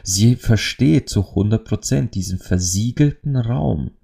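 A man's voice: on the low side, animated, measured pace, gravelly, mellow, breathy edge. A man hosting his own podcast, talking alone in an earnest, emotional way with many restarts. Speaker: podcast host. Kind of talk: reflective solo podcast monologue.

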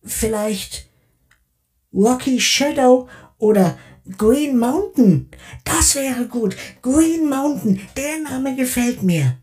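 A man voicing a shy, gentle talking monster truck in a bedtime story, with a soft and timid manner. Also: very high-pitched, lively intonation, slow, pitched above the performer's own voice, exaggerated voice. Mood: hopeful.

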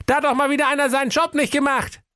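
A man voicing a dim-witted, easygoing fairy-tale brother in a high, whiny, fussy voice. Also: flat delivery, fast talker, sharp tone, dry recording, studio quality. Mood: flustered, whiny. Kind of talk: comic radio fairy-tale acting.

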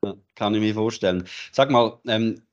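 Mann als aufmerksamer Interviewer. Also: male voice, on the low side, normal speed, muffled recording. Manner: attentive, frequent affirming murmurs. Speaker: interviewer, coach. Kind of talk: interview questions.

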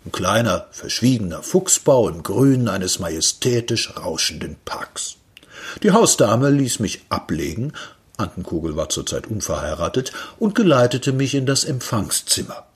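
A man reading a literary story aloud in a wry, lively storytelling manner. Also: lowish voice, moderate pace, slightly rough. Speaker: reader.

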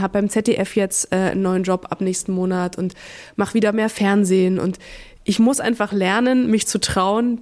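A woman's voice: mid-range voice, a little mellow. A woman in her thirties, a radio and TV presenter, chatting frankly and casually as a podcast guest, with many fillers and slang words. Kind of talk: casual interview chat.

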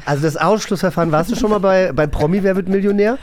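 A high-pitched man talks fast over crowd noise while hosting a casual podcast. In his role as host and quizmaster, he rambles in a chatty way, explaining and asking questions. The talk is casual radio play podcast fare.

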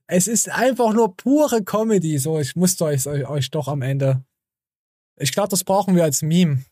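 Sarcastic host, husky higher voice. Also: male voice, lively intonation, measured pace, mellow, dry recording, clean studio sound. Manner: crude, sarcastic, laughing. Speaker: podcast host. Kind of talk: casual podcast chat.

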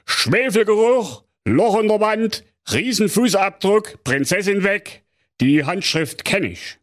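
A pompous fairy-tale police inspector, played by a man, who speaks in a raised, slow, self-satisfied drawl. He lays out each point with bureaucratic smugness in a comic audio story. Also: sits high, lively intonation, pitched above the performer's own voice. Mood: smug. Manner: drawling, know-it-all, bureaucratic.

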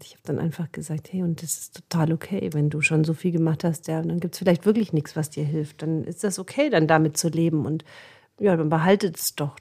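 Female coach, chatty storyteller, low-ish voice, podcast host. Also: a little mellow. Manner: chatty storytelling with laughs and fillers. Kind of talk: casual podcast monologue.

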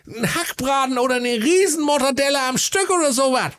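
A squeaky, dim young prince. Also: male voice, expressive, a little fast, fairly bright tone. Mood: bewildered. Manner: whiny, bewildered, gushing.

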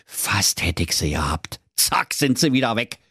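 Man as big bad wolf, low, grumbling, complaining. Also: big pitch swings, measured pace, bright, forceful tone, husky, no echo, clean studio sound, full character voice.

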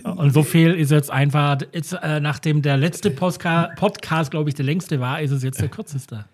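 A man with a somewhat high voice co-hosts a casual podcast. He talks briskly and keeps the show moving. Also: fairly even intonation, a little mellow. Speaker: podcast co-host. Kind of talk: casual chat.

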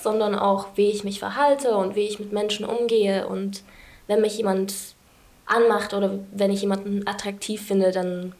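A woman's voice: medium pitch, darkish tone. Young woman, podcast guest, candid, easygoing, frequent fillers. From England. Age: 20s. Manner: open, frank, many fillers. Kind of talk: casual interview talk.

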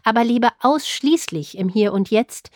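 A woman's voice: a little high, animated, measured pace, a little mellow, dry recording. A woman reading the lines of an eccentric, blunt father nearly eighty, in a dry, indignant, self-satisfied manner. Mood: smug.

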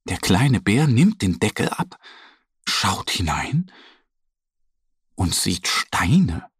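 A man narrating a children's story in an animated, expressive way. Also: on the low side, very slow, breathy edge, no room sound, studio quality.

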